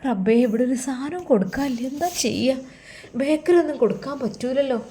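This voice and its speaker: A woman's voice: high-pitched, a little fast, mellow. A woman voicing a fretful, loving older village mother who fusses over her guests. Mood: fussing. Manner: anxious, fussing, pleading.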